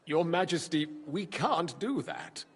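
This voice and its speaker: A man's voice: a little high, wildly swooping pitch, measured pace, a bit bright, husky, full character voice. An actor playing an anxious, apologetic town councillor addressing his king in a video game drama. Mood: anxious, pleading. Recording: long hall reverb.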